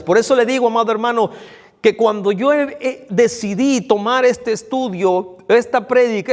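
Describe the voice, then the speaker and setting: A man preaching an evening sermon to his congregation, speaking to them directly and repeating phrases for emphasis. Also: sits high. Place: church hall. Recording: long reverb of a church hall.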